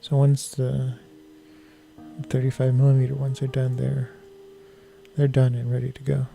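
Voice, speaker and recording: Casting: male streamer, casual low-key explainer, dark relaxed tone with noticeable vocal fry, soft music underneath. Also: moderate pace. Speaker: live-streaming photographer. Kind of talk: casual live-stream commentary while editing photos.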